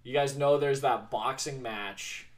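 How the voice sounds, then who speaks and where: A man guesting on a casual movie podcast who takes his time with every sentence. He tells trivia with an animated, drawn-out delivery. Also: mid-range voice.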